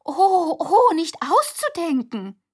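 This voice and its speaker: A woman's voice: lowish voice, moderate pace, close to an everyday voice. A woman voicing a sly, teasing young girl in a storybook reading. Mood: mock fear. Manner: mock-frightened, teasing. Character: sly playful girl Cecilia.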